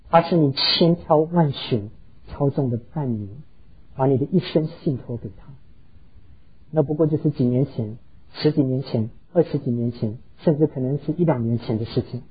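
A man's voice: mid-range voice, breathy edge, highs cut off. A pastor preaching a sermon, earnestly telling stories and slipping English words into his talk. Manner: earnest, heartfelt storytelling.

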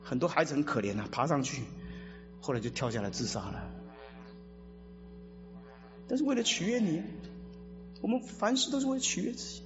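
A male pastor giving an animated sermon, full of rhetorical questions and acted-out voices. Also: a little high, normal speed, long pauses. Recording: reverberant hall, dull lo-fi sound, faint music.

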